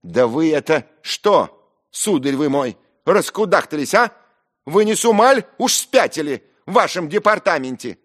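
A man's voice: very animated, moderate pace. A man voicing an insolent, spiteful young man who sneers and giggles. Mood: indignant. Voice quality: shrill, sneering.

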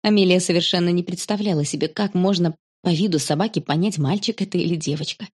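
A woman narrating a children's story in a calm, even storytelling manner. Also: on the low side, fast talker, slightly rough.

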